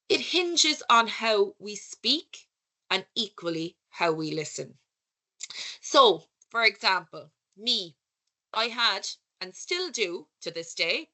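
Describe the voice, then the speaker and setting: A woman's voice: mid-range voice, pushed and bright. A woman with an Irish accent giving a conversational conference talk, asking rhetorical questions and correcting herself as she goes. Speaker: workshop speaker.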